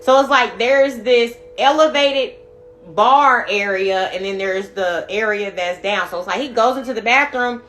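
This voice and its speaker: A bright, forceful woman's voice, talking straight to her viewers in a frank personal story. She swears freely and keeps asking "right?" as she goes, with soft music behind her. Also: on the high side, a little slow. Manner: emphatic, profane, frequent "right?" and "you know". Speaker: spiritual reader and video host.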